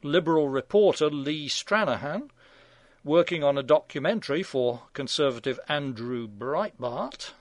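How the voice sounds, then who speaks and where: A man's voice: fairly high pitch, expressive, a little slow, no echo. Dry-witted man in his sixties. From England. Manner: dry, sardonic, wry asides. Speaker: radio commentary host. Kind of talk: scripted opinion commentary.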